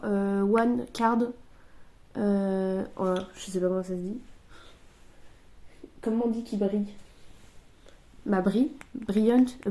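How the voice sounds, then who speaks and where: A young woman streaming from a table at home, chatting casually while opening card packs and slipping into halting English. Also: mid-range voice, dark tone. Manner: chatty, thinking aloud, switching into halting English.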